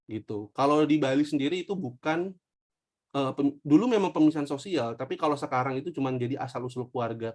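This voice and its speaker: A man's voice: mid-range voice, darkish tone. A young man giving a casual online history lesson. He jokes with the class, poses questions and answers them himself, and speaks with a slang flavor. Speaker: teacher.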